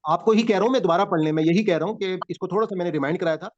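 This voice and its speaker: A man leads an online class and explains each word with patience. His voice sits fairly high, and the call audio sounds dull and muffled. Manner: explains patiently, quizzes students. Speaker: Quran teacher. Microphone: video call.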